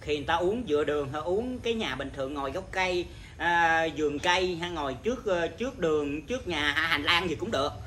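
A Buddhist monk teacher giving an informal dharma talk, blunt and scolding, with a naturally loud voice. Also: male voice, on the high side, fairly quick, few pauses, slight background noise.

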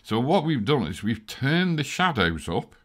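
A man explaining photo editing software in a chatty, self-deprecating tutorial. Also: medium pitch, big pitch swings, unhurried. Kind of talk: screen-recorded software tutorial.

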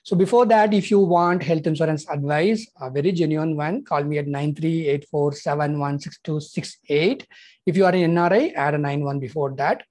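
A health insurance consultant in his thirties from Tamil Nadu, India, a native Tamil speaker, talks casually to camera in English with a Tamil-accented Indian English. His slightly husky, breathy voice sits on the high side with a darkish tone. He explains things in a halting, friendly vlog style, filling pauses with "uh" and "you know," recorded on a lapel mic.

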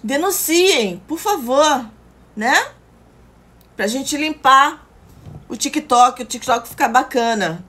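A woman's voice: high-pitched, animated, slow, long pauses, a bit bright. A middle-aged woman with a Brazilian accent chatting casually with viewers as the host of a livestream. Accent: Brazilian Portuguese. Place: indoor room at home. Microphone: phone at arm's length.

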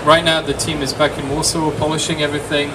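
Speaking fast in a slightly high, level tone, a French game designer in his thirties talks to an audience in an upbeat, casual way and repeats words. The setting is a small, dark convention room, captured by a distant camera mic under loud room noise.

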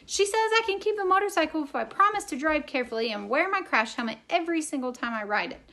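A woman voicing a small, excitable male mouse while reading a storybook aloud. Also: a little high, moderate pace. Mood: excited.

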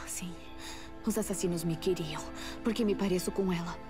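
A young outcast huntress played by a woman with a lowish voice and a Brazilian accent. She is earnest, questioning and determined in a game cutscene, with loud music underneath. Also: moderate pace, close to an everyday voice. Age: young adult. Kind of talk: dubbed video game drama.

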